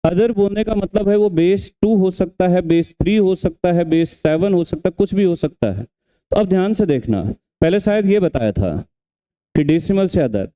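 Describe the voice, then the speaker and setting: A man's voice: high-pitched, lively intonation, moderate pace, warm tone, clean tone. A man teaching an exam revision class, who keeps quizzing and scolding his students and repeats each step. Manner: questioning, scolding, repeats steps.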